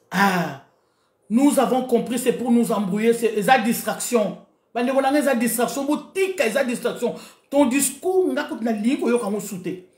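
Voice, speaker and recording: An online political commentator from Congo (DRC) speaks with a Congolese accent in a slightly high, slightly mellow voice, recorded in a reverberant space. In Lingala and French by turns, she rants fervently at her followers, pressing them and repeating phrases for emphasis.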